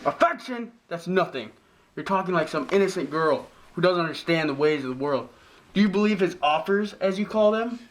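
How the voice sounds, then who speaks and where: Preachy, overbearing dad, acted by a man, slightly high voice, scolding parody delivery. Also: lively intonation, fairly quick. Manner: lecturing, scolding. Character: pompous, preachy, overbearing father of grown children. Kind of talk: parody drama acting, modern-English Shakespeare.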